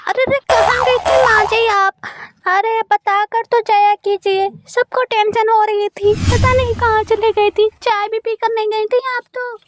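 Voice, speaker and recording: A woman voicing a dutiful young female crow daughter-in-law who talks briskly and politely in a cartoon. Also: very high-pitched, wildly swooping pitch, faint music behind, pitched above the performer's own voice, full character voice. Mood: pleading.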